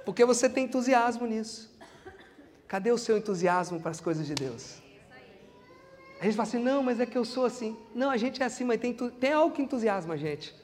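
A man with a strikingly high voice and a Brazilian Portuguese accent delivers a sermon. He preaches with animation, acting out the Bible figures in their own voices as he speaks. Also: animated, a little fast, a little mellow, in a large hall.

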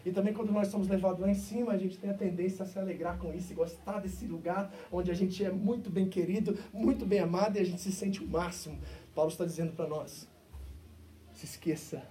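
A man with a Brazilian accent preaching a sermon as pastor, moving between loud, emphatic stretches and quiet, intimate asides. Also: high voice, fairly even intonation, fast talker, distant mic, a little hiss or hum. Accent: Brazilian Portuguese. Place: church service.

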